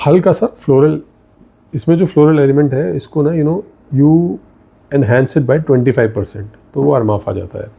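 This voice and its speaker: Man, Indian accent, very dark warm voice, casual perfume review, thinks aloud. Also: a little high, a little slow, vocal fry, slightly rough. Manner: mixes Hindi and English, thinks aloud while sniffing. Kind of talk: casual product review vlog.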